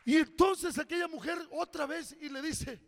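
A man's voice: very high voice, moderate pace. A man preaching a fervent sermon as pastor, urging his congregation on. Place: church hall. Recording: reverberant church hall.

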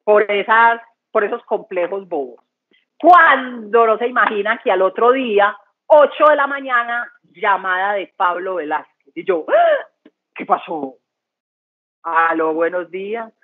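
A woman's voice: mid-range voice, lively intonation, unhurried. Woman, church testimony, earnest and chatty, thin phone-like audio. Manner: earnest, conversational, repeats phrases for emphasis. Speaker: church speaker giving testimony. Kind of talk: testimony talk. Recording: tinny phone-line sound.

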